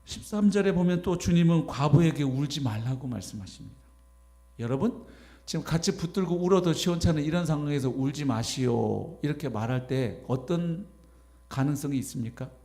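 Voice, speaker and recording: Pastor guy preaching, kinda high voice, lively, acts out little voices, faint hum behind. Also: brisk. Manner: animated, acts out imagined scolding voices. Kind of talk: sermon. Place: church sanctuary.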